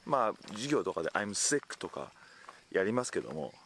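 A man with a lowish voice teaches a casual lesson outdoors, his intonation swinging widely as he drops into sample English phrases. Insects chirp faintly behind him. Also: very animated, normal speed, background noise. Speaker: English teacher on a video channel. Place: outdoors in hot weather.

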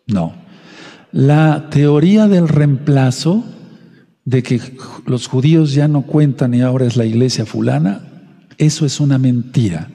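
A zealous preacher man delivers his sermon with passion, now and then mimicking the people he argues against. His voice is very dark and somewhat husky. It rings out with a long reverb, as if spoken in a large hall. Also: medium pitch, unhurried. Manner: impassioned preaching, quoting others in mocking voices. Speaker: Messianic pastor.

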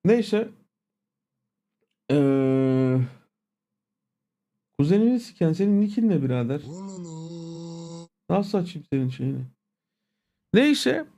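Man, streamer, high voice, casual livestream rant, blunt, profane, irritated. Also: very animated, slow pace, pauses often, dark tone. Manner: addresses viewers familiarly as "abi" and "agalar".

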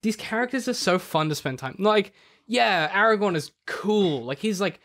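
A man co-hosting a podcast, chatting casually about a book, rambling with many fillers and jumps in pitch. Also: animated, normal speed, a bit bright. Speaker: podcast co-host. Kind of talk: casual book club chat.

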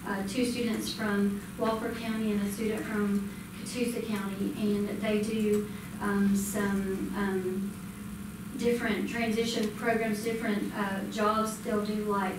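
Her voice sits in the mid range as this middle-aged woman, presenting on behalf of the school department, offers a conversational update to the board with frequent ums. She stands in the meeting room, far from the room mic, and the recording is echoey and noisy.

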